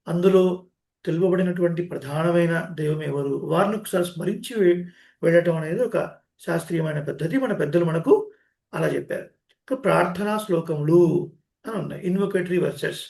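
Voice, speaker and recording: A man teaching Sanskrit verses in an online call, chanting each line slowly and correcting how it is pronounced. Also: a little high, creaky, a little mellow, roomy sound. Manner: slow, drawn-out chanting, correcting pronunciation. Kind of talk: chanting lesson with call and response. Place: online meeting.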